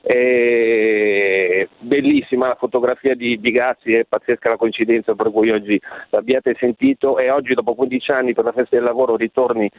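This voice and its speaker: A man's voice: medium pitch, fairly even intonation, moderate pace, no room sound. A man calling a radio show on a thin phone line, chatting in wordy, hesitant phrases. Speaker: phone-in caller. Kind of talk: casual chat. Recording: tinny narrow phone line.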